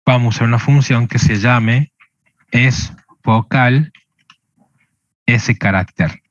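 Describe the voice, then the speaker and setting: A man's voice: medium pitch, moderate pace, dry recording, muffled recording. A man teaching a programming lesson, explaining step by step and checking with a questioning "¿sí?" again and again. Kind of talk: screen-recorded coding lesson.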